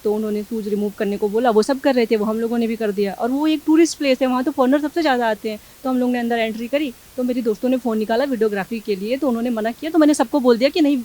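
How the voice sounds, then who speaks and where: A young woman, giving a news interview and animatedly acting out the exchanges she recounts. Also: on the high side. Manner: animated, quick, acts out quoted exchanges.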